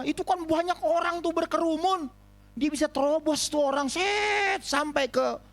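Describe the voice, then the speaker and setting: A male pastor preaches a sermon in church, animated and swinging from high exclamations to low asides while calling on the congregation for amens.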